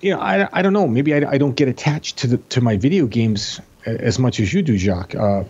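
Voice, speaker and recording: A man with a husky, slightly raspy voice at a middle pitch, chatting casually in a roundtable. He jokes around and interrupts himself, then walks his own lines back. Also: animated, fairly quick, darkish tone, dull audio. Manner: joking, self-interrupting.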